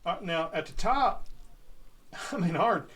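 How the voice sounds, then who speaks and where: A man's voice: high-pitched, animated, takes it slowly, a bit bright. A man co-hosting a casual sports chat, plain-spoken and rambling. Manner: folksy, rambling, plain-spoken with Southern phrasing. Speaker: podcast co-host.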